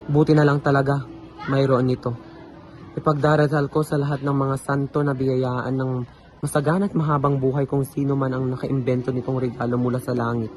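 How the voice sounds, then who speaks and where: A young man with a medium-pitched, natural voice speaks fairly quickly in an amateur radio drama. He plays a lonely, self-pitying eighteen-year-old student who calls himself ugly, and his frustrated, brooding inner monologue turns into excited chatter.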